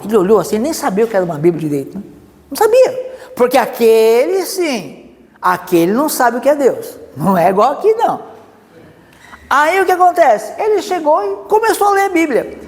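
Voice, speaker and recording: A Brazilian man preaching a sermon, telling a story with lively asides. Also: very high-pitched, brisk, big-room sound. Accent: Brazilian Portuguese. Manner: animated storytelling with many asides.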